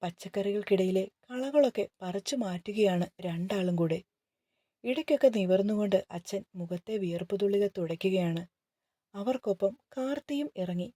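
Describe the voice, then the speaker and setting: A woman narrating a romantic novel in a calm, steady storytelling manner. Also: mid-range voice, moderate pace, dry recording.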